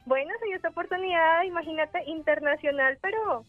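A woman from Colombia with a Bogotá accent, calling in to a radio show, friendly and quick to laugh. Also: very high voice. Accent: Bogotá Colombian Spanish. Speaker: caller. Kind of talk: phone-in chat. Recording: tinny phone line with faint music.

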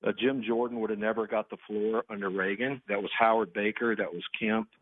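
A man's voice: on the low side, flat delivery, fairly quick. Older man on a crackly, fading phone line. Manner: rambling, insistent, many restarts. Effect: caller on a crackly phone line that fades in and out. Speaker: radio show caller. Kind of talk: political call-in talk. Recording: tinny phone line, breaking up.

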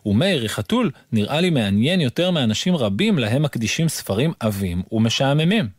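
Expressive man reading a children's story. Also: medium pitch. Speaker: narrator. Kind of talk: reading a children's book aloud.

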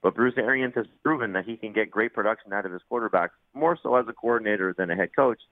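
A man's voice: lowish voice, fast, no echo. A man giving casual sports analysis as a fantasy football analyst, over a narrow phone-like line. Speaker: fantasy football analyst, regular radio guest.

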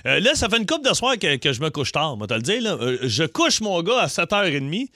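A man's voice: on the high side, sing-song, fairly quick, sharp tone, no room sound, studio quality. A middle-aged man with a Québécois French accent hosting a radio morning show, running a quiz with playful, teasing banter and frequent laughs.

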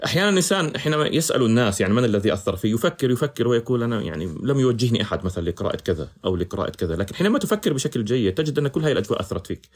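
A man's voice: mid-range voice, sing-song, racing, hardly any pauses. A man with a rural Palestinian Arabic accent from the Jerusalem and Ramallah area, talking reflectively as an interview guest and slipping into bookish, formal wording. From Palestine, villages near Jerusalem and Ramallah. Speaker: podcast guest.

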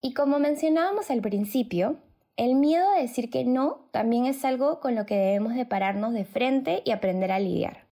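A woman reading a scripted voice-over narration in a measured way. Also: a little high, lively intonation, warm tone. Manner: measured, composed delivery.

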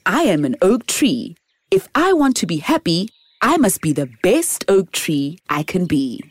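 A woman's voice: fairly low pitch, big pitch swings, measured pace, no echo. A woman voicing a cheerful, contented male oak tree in a storybook, sing-song and upbeat.

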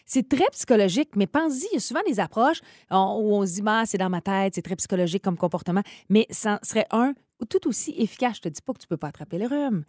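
A woman in her thirties with a Quebec French accent, co-hosting a casual radio chat, lively and laughing often. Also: mid-range voice, fast talker, dry recording, studio quality. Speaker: radio co-host.

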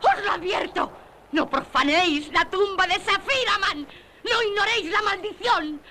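A woman's voice: moderate pace, raised voice. An actress playing a fierce, creepy Egyptian woman who gives ominous warnings of a curse in a dubbed horror film. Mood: dire warning. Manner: creepy, shrill, ominous warning like a tomb's watcher. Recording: noisy old film soundtrack with clicks.

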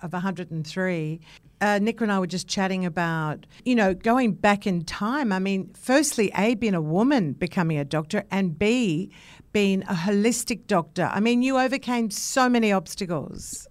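A woman's voice: medium pitch, normal speed. A woman in her sixties, co-hosting a podcast in a casual, chatty way with frequent agreement. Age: 60s. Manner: chatty, lots of agreeing and laughing. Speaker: podcast co-host. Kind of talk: casual chat.

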